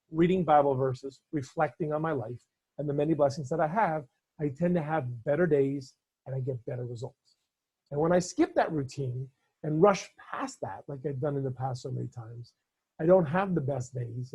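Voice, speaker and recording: A man's voice: on the high side, darkish tone, slightly rough, low-quality recording. A man, a business coach, talking earnestly to camera and telling client stories. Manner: earnest storytelling. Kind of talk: motivational talk to camera.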